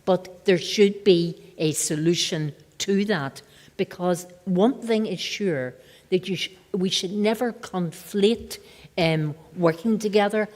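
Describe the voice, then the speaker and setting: A woman's voice: low-pitched, a little mellow. A woman with a Northern Irish accent, making an earnest formal speech in a parliamentary assembly and urging action. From Northern Ireland. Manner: earnest, urging, repeats her key points. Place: large assembly chamber. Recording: long hall reverb.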